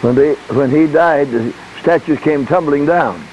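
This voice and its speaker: A man's voice: on the high side, normal speed, a little mellow, a little hiss or hum. A man interviewing over a phone line. He asks short questions and murmurs agreement. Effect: heard over a phone line.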